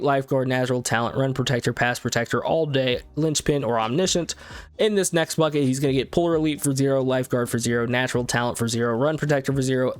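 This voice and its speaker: A man's voice: mid-range voice, no room sound. A man giving casual commentary on video game cards, reading off long lists of stats and abilities with frequent fillers. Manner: rapid list-reading with fillers and restarts. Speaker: gaming YouTuber reviewing cards.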